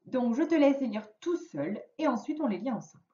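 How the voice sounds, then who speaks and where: A woman teaching a young child to read in a remote lesson, giving patient, clearly articulated instructions. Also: sits high, animated, a little fast, warm tone. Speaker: primary school teacher. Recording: roomy, distant, dull lo-fi sound.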